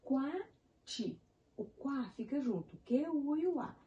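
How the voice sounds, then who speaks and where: A woman's voice: sits high, animated, measured pace, warm tone, far from the mic, muffled recording, a little hiss or hum. A woman teaching young children in Brazilian Portuguese, counting syllables of animal names and praising them as she goes. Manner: encouraging, spells words out in syllables. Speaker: primary school teacher.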